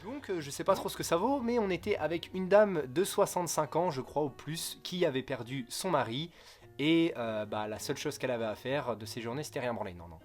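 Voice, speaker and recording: A man's voice: on the high side, fairly quick. Joking young man rambling about manga. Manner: rambling, joking, self-correcting, crude slang. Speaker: manga youtuber. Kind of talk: casual wishlist review.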